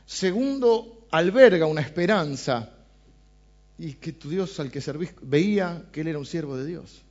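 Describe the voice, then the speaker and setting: A man's voice: mid-range voice, darkish tone, muffled recording. A man with an Argentine accent preaching a conversational sermon on a Bible passage, casual and chatty, often asking his listeners questions. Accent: Argentine Spanish.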